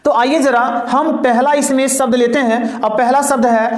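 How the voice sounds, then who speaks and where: A man's voice: very high voice, steady tone, normal speed. A man teaching an English vocabulary lesson. He repeats his points, asks questions and answers them himself, calls his listeners "dear", and drills pronunciation call-and-response style. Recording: echoey room.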